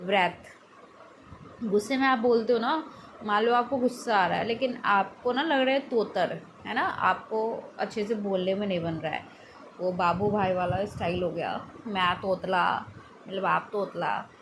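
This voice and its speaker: A woman's voice: medium pitch, moderate pace. Woman vocab teacher, casual and repetitive, noisy background. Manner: chatty, repeats words as memory aids. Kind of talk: casual explanatory lesson. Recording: steady background noise.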